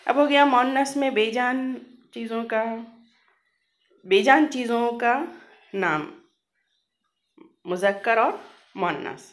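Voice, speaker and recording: A woman teacher giving a grammar lesson to children, reading word pairs slowly one by one and then explaining in quicker asides. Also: on the high side. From India.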